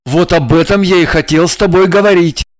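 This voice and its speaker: A man's voice: sits high, brisk, no echo, natural voice. A man voicing a tense, coarse young man in an audiobook drama, blunt and pushy in his arguing. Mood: angry, shouting. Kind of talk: audiobook character voice.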